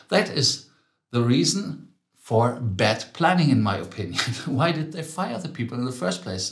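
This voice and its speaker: A man's voice: medium pitch, reverberant. A man with a German accent hosting a travel news show, chatting casually with many ums and self-corrections.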